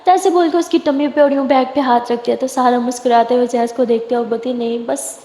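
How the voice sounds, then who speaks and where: A woman narrating a story in a chatty, animated way. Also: high-pitched. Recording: echoey room with long reverb.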